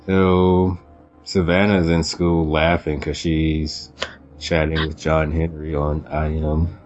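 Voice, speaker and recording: A man's voice: extremely low pitch, level tone, slow, darkish tone. A man hosting a podcast in natural, unscripted talk, casually recapping an episode with asides. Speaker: podcast host. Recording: dull lo-fi sound, music behind.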